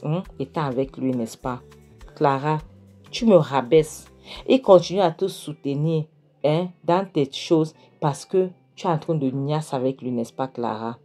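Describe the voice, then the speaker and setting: A woman voicing a resentful, jealous husband in a retold film, accusing his wife with questions, in a low dark voice. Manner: accusing, pleading questions with tag "hein?".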